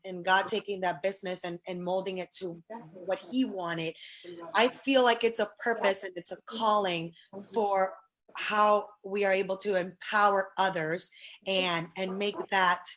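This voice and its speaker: A woman's voice: mid-range voice, fairly bright tone. A middle-aged woman from Puerto Rico, a pageant director, telling her story in a casual interview, earnest and grateful, with many restarts.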